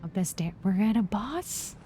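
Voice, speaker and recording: A woman streaming a game live, chatting casually and swearing, quick to squeal when excited. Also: slight background noise. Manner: excitable and profane, jumps to high yelps. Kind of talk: casual live gameplay commentary.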